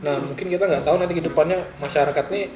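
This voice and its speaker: A man's voice: fairly high pitch, fairly even intonation, rapid-fire. A man, chatting casually as a podcast host while eating, his mouth sometimes full. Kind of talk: casual chat over food. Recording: echoey room with music behind.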